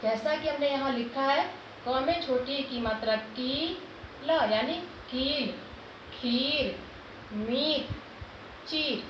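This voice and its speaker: A high-voiced woman teaches young children, asking questions and answering them herself as she sounds out syllables one by one. The recording is dull and low-fi, with room echo and steady noise behind her. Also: slow, pauses often. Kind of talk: classroom lesson explaining Hindi vowel signs.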